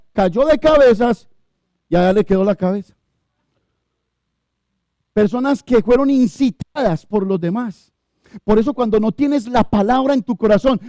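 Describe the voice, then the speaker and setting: A man with a Colombian accent preaching a sermon as pastor of a church, emphatic, with loud high bursts and low quiet stretches. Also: dry recording. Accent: Colombian Spanish.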